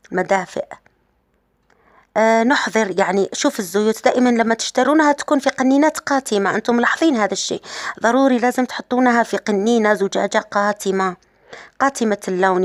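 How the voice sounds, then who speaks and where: A woman speaking with an Algerian Arabic accent walks through a home beauty routine at an even, mid-range pitch. She explains each step plainly and repeats the important ones. The recording is close and dry, with no echo from the room. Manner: explains step by step, repeats and rephrases key points. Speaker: hair care tutorial host. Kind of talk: casual how-to demonstration.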